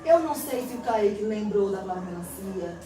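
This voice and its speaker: Speaking briskly in a warm, expressive mid-range voice, a woman with a Brazilian Portuguese accent explains a classroom test in stages and plays out conversations with pupils as a literacy teacher. The recording has a roomy echo from a distant mic, plus a little hiss or hum.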